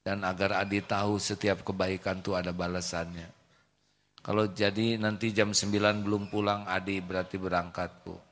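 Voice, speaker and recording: A male preacher telling a story in a sermon, slowly and vividly acting out the characters. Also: deep voice, flat delivery, a bit bright. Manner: slow storytelling, acts out voices. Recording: reverberant hall.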